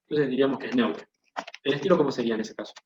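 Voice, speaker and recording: Teacher in an echoey online class. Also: male voice, medium pitch, very fast, darkish tone, slight background noise. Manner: explanatory, often checks in with the class. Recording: echoey, dull lo-fi video-call audio.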